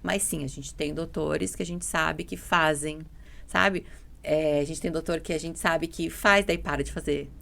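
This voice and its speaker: Speaking at a normal speed, this woman has a low, creaky, slightly bright voice with fairly even intonation. As a podcast guest and dental mentoring business partner, she tells animated stories in casual conversation, bluntly and emphatically, often voicing dialogue and repeating herself.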